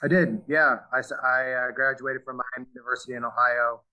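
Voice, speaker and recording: At an aircraft manufacturing facility, a value stream manager answers interview questions about his career as a guest, speaking earnestly with plenty of fillers and restarts. His medium-pitched voice stays level and moves a little fast, pushed and bright, though the audio is poor.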